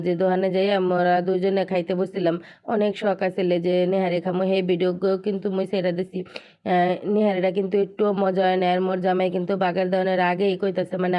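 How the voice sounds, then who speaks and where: A young woman with a Barishal Bengali accent talks quickly to her viewers while she cooks in her home kitchen. Her voice is smooth and clear, and her pitch stays level. She chats in a friendly way and uses many fillers. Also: muffled recording. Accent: Barishal dialect of Bengali. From Barishal, Bangladesh. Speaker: cooking vlogger. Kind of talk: casual cooking vlog chat.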